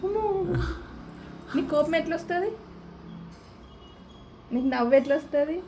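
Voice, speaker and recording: Woman, coaxing and teasing, high voice, mellow tone, faint background hiss. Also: normal speed. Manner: coaxing, teasing questions, soft-spoken. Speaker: adult questioning a small child. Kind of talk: playful home-video chat.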